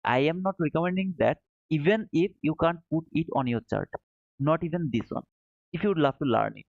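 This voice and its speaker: This Bangladeshi man, who doesn't speak English, hosts a trading livestream with casual commentary, earnestly repeating himself and addressing viewers as brother. His somewhat high voice moves briskly with vocal fry, and the dry recording sounds dull and muffled.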